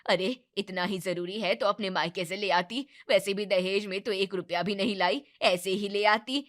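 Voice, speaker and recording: A woman voicing a sharp-tongued, middle-aged mother-in-law in an animated family drama, speaking in a harsh and dismissive way. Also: medium pitch, moderate pace, close to an everyday voice. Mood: scolding.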